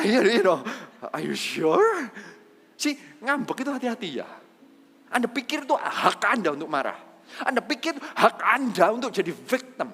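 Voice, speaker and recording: A man preaching a sermon as pastor, conversational and lively, asking the congregation questions and mixing in English phrases. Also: sits high. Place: church hall. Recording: livestreamed church service in a reverberant hall.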